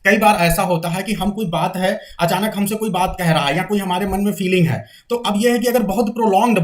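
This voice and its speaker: A male literature teacher giving a classroom lecture, often checking that students follow and slowly dictating definitions for them to write down. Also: high voice.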